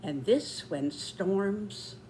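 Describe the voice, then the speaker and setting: A woman in her nineties giving reflective spoken commentary, with deliberate, measured phrasing and pauses. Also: medium pitch, darkish tone, slight background noise. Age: 90s.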